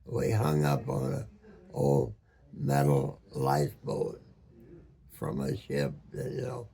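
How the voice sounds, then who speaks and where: A very old man with a deeply gravelly, husky voice tells a story from memory. He speaks haltingly, searching for each word and leaving long gaps filled with ums. The pace is slow throughout. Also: big pitch swings, dark tone. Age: over 100, very old man. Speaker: retired boat captain.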